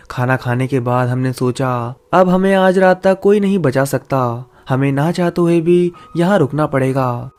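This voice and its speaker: A man narrating a first-person horror story in a steady, dramatic storytelling manner. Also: medium pitch.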